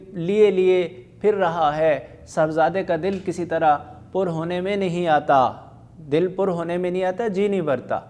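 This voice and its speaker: A man reading the part of a fussy, short-tempered housewife in a classroom play, scolding sharply in a raised, louder voice. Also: sits high, lightly acted.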